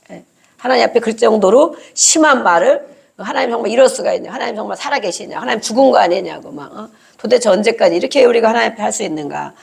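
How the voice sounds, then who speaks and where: A woman's voice: mid-range voice, gravelly, husky. A middle-aged woman preaching a sermon in an emphatic, conversational way, acting out quoted prayers.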